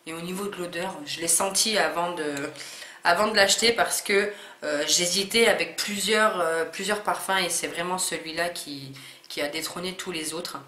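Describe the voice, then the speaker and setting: A woman's voice: fairly low pitch, moderate pace, sharp tone. A woman chatting through a casual unboxing vlog, hesitant, with many fillers and restarts. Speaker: beauty vlogger. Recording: echoey room with faint noise.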